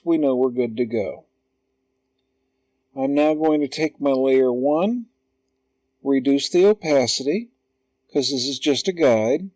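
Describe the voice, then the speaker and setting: A man calmly talking through a drawing tutorial step by step, in an unhurried voice-over. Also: on the high side, dry recording. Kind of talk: slow screen-recorded tutorial.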